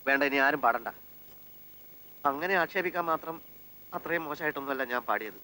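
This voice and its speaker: A man's voice: a little high, fairly quick, pushed and bright, a little hiss or hum, rough recording. An actor playing a touchy, self-satisfied man who defends himself in a film comedy. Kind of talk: 1990s film comedy dialogue.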